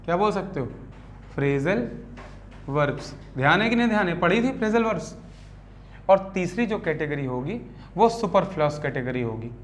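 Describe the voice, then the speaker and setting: High-voiced Indian man teaching grammar. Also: animated, a little hiss or hum. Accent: Hindi. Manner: keeps asking the class quick check questions. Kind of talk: classroom grammar lesson.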